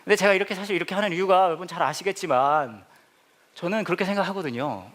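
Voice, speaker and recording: A man's voice: high voice, fast talker, fairly bright tone. A male pastor telling a humorous, self-mocking story in a sermon to a congregation. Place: church service before a congregation.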